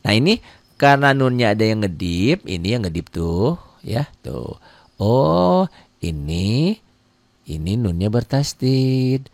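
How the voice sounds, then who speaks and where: A man's voice: sing-song, no echo. A middle-aged man teaching Quran reading in a casual, chatty live online lesson, answering viewer comments and acting out little dialogues, sounding a bit tired. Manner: casual, chatty teaching with quick pitch jumps and acted-out dialogue.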